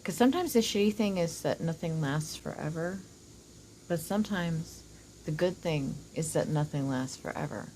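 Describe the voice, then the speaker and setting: A woman's voice: low-pitched, expressive, moderate pace, darkish tone, slight background noise, low-quality recording. A woman with a whistling s, giving a casual, rambling oracle card reading to viewers, informal and happy to swear. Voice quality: whistling s from dental work. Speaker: oracle card reader, host.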